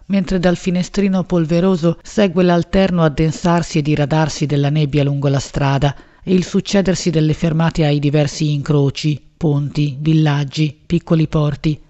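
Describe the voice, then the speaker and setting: A woman's voice: deep voice, dark tone, lo-fi sound. Woman narrating a literary audiobook.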